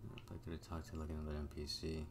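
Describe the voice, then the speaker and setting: A man with an extremely low voice plays through a video game. He reads dialogue aloud and comments casually. There is faint noise behind him. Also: monotone, racing.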